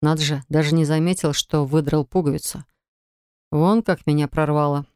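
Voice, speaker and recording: Woman narrating an audiobook, smooth voice, pretty flat, dry close sound. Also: sits low, normal speed, no room sound. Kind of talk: first-person audiobook narration.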